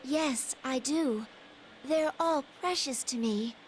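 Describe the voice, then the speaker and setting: A woman voicing a polite, earnest female android with a measured, formal delivery, with game music behind. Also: sits high, slight background noise. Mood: calm.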